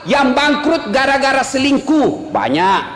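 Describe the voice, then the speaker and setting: Male preacher, humorous sermon, high-pitched, booming echo of a large hall. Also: measured pace, background noise. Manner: animated, jokes with the audience, rhetorical questions. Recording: echoey hall reverb.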